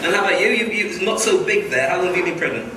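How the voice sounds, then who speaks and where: High-pitched male stage show host, echoey theatre. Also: animated, rapid-fire, crowd noise. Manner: teasing, repeats answers and instructions. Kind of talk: live comedy stage patter, questioning volunteers. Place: large indoor theatre stage with audience. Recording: echoey noisy theatre, distant sound.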